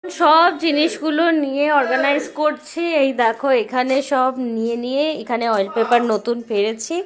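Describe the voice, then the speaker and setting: A woman's voice: high-pitched, normal speed, a crowd in the background. A woman vlogger narrating casually while she organises and cooks in her home kitchen. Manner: chatty, talks to viewers while doing kitchen chores, coaxing baby talk to a child.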